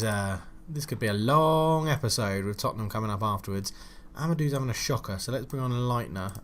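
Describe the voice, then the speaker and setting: A young man talks through his football management save in a mid-pitched, everyday voice. He grumbles, swears and bursts out loudly at his players, then drops back into casual chat. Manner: frustrated, swears, loud outbursts at his team. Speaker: gaming channel host. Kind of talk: casual game commentary.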